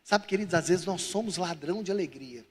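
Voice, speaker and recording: Brazilian pastor, man, high voice, storytelling sermon, long church reverb. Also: brisk, slightly rough. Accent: Brazilian Portuguese. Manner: humorous, acts out characters in his stories. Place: church hall.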